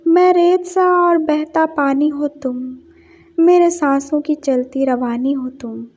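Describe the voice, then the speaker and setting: A woman's voice: high-pitched, takes it slowly, darkish tone. Woman reading as a sulky young poet. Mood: tender. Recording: dull lo-fi sound.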